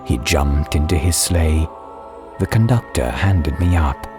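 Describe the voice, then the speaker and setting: A man narrating a storybook dramatically, in a measured, deliberate audiobook style. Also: rumbling low. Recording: background music under the voice. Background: background music and soundscape.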